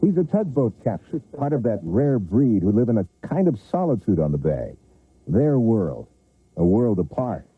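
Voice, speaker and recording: A male TV news reporter narrating a scripted feature story in a measured, storytelling delivery. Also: fairly low pitch, big pitch swings, slightly rough. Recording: tinny VHS broadcast with music.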